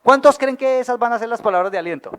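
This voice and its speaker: A man's voice: very high-pitched, fast talker, smooth. A man with a Colombian accent, preaching a sermon as pastor. He is colloquial and humorous and keeps asking the audience questions. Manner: lively, asks the audience questions.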